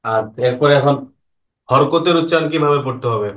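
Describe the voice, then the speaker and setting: Patient teacher, repeating answers. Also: male voice, fairly high pitch, a bit bright. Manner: patient, asks questions then repeats the answers slowly. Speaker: Quran teacher. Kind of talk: online lesson explaining Arabic vowel marks.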